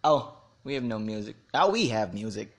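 A man's voice: fairly low pitch, big pitch swings, normal speed, background noise. A young man hosting a goofy, self-mocking solo comedy podcast and telling corny jokes. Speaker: podcast host.

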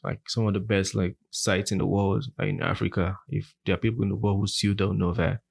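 A man's voice: low voice, level tone, brisk, creaky, slightly rough. A man from Nigeria talking frankly and emphatically in a casual podcast chat, laughing often. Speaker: podcast co-host.

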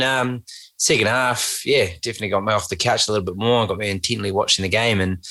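A man's voice: on the low side, pushed and bright. A man talking casually about sport as a podcast panelist. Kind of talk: casual sports chat and commentary.

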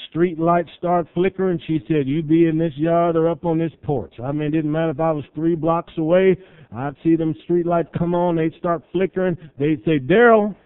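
A middle-aged man preaching a sermon, telling family stories and swelling loud for emphasis, then dropping soft. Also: fairly high pitch, clean tone, no echo, narrow, tinny audio. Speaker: pastor.

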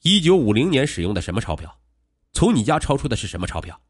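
A man's voice: medium pitch, sing-song, quick pace, slightly rough. Man doing a stern, sarcastic cop. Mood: scornful. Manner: sharp, sarcastic questioning. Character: stern male police officer, coldly questioning.

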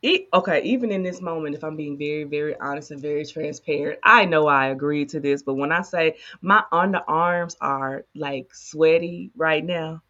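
A woman co-host in casual conversation, candidly telling a personal story with animated asides. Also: deep voice, moderate pace, hardly any pauses, muffled recording. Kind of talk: casual chat.

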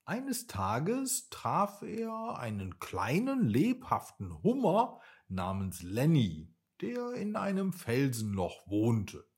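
A man narrating a children's bedtime story, slow and very animated. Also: medium pitch, slightly rough.

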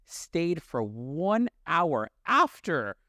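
A man's voice: fairly high pitch, big pitch swings, extremely slow, sharp tone, no echo. A male podcast host talking candidly in casual studio chat, telling stories, laughing often and swearing freely.

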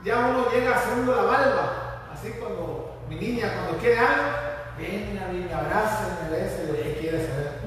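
A man's voice: high voice, normal speed, a bit bright, slight background noise. A man preaching an impassioned sermon, quoting scripture and prayers. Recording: echoey hall, voice from far off, faint ambience.

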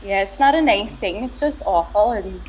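Appearing as the boxer's partner in a casual interview, a woman with a broad Belfast accent talks at normal speed in an expressive, mid-range voice with a darkish tone. She sounds hesitant and conversational, and the slightly dull lo-fi recording carries a little background noise.

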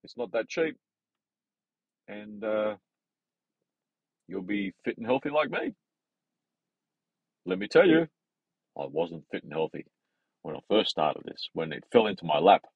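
Deep husky-voiced man rambling. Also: moderate pace, long pauses, dry recording, phone-quality sound. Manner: rambling, hesitant, with many fillers and restarts. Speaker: health advisor. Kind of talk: casual monologue.

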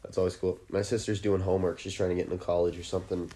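A man hosting a comedy podcast, rambling crudely through a stream of ums and restarts and breaking into shrill squealed sound effects. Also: little pitch movement, very fast, dark tone, a little hiss or hum. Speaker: podcast host.

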